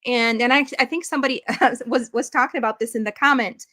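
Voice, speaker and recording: A woman with a fairly high voice hosts an interview. She speaks hesitantly, with many ums and restarts. She affirms her guest before asking her next question. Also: fairly even intonation, fast, bright, forceful tone. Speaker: host. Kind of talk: hosting an interview.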